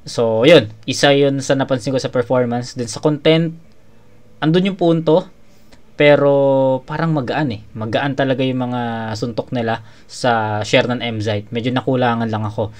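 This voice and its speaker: A man's voice: medium pitch, steady tone, normal speed. Casual male battle reviewer. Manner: casual, swearing, many restarts. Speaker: battle judge reviewing a match.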